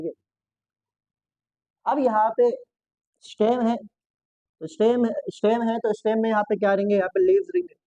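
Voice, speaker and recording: A man's voice: sits high, mellow, no room sound, lo-fi sound. A man teaching a biology lesson for exam prep, asking questions and answering them himself, repeating key terms and mixing Hindi with English science words.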